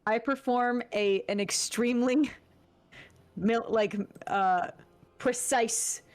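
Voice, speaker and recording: High-voiced woman playing a tabletop game. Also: slow pace. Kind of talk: casual in-game chat.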